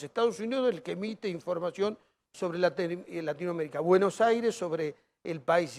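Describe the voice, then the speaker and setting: A man's voice: high-pitched, a little mellow. A man with an Argentine accent hosting an interview, framing topics and summarizing his guest's ideas in informal speech. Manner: summarizes and frames questions with the informal "vos". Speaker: talk show host.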